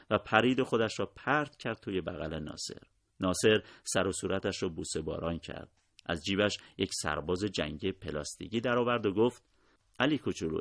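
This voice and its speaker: A man narrating a war memoir in a steady, measured storytelling voice, his sentences often dropping quietly at the end. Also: low voice, gravelly, dry recording, clean studio sound.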